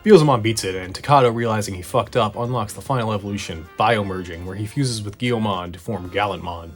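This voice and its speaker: A man's voice: fairly low pitch, fairly quick. A man narrating a casual, sarcastic video recap in a conversational way. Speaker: host of a video retrospective. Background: background music.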